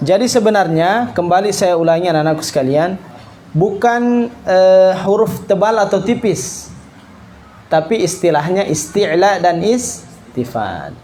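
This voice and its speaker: A man teaches recitation rules to children with a fairly high voice and an unhurried pace. He says single syllables again and again for the pupils to copy. Faint noise sits behind him. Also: lively intonation, mellow. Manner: slow, repeats syllables for students to copy. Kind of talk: classroom tajweed lesson.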